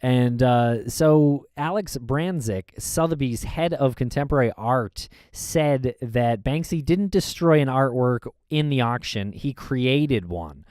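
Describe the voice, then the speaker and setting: Male podcast co-host, easygoing and quick to laugh, mid-pitched, recorded close and dry. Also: no room sound. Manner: relaxed, laughs easily, narrates clips as they play. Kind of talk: casual podcast chat.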